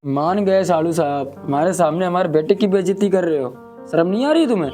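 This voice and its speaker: A man playing a hot-tempered father who curses quickly. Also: high-pitched, expressive, warm tone, faint music behind. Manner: short-fused, cursing.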